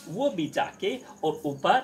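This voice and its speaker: A man teaching Hindi grammar in a lesson, repeating a filler phrase often and loudly demonstrating sounds. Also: high voice, sing-song, takes it slowly, a little hiss or hum. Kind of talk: classroom-style lesson.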